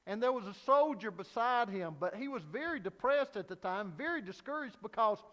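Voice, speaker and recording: A man's voice: very high voice, a bit bright, in a large hall. A man preaching an evening sermon at a pulpit microphone, telling a story earnestly with frequent hesitant fillers. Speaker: pastor.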